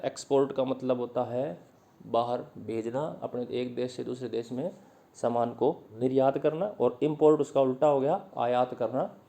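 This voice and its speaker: A man gives an English vocabulary lesson in a relaxed, mellow voice at an ordinary pitch. He goes word by word and explains each one with simple meanings and everyday examples. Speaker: English teacher.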